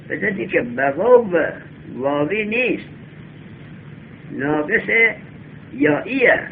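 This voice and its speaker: A male teacher giving a classroom lesson, reading a text slowly aloud, then explaining it and quizzing his students. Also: on the high side. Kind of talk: classroom lesson on Arabic grammar. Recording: tinny lo-fi recording with faint hum.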